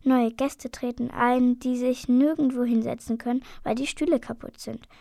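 A woman narrating a children's fairy tale in a gentle storybook manner. Her voice is a bit high with a gravelly fry, recorded dry and close. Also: fairly even intonation, moderate pace, no echo. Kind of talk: reading a children's story aloud.

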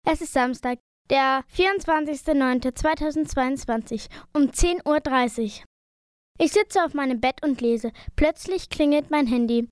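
A woman's voice: high voice, measured pace, no room sound, clean studio sound. A woman reading a first-person story aloud in a plain, uneven reading voice. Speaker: narrator.

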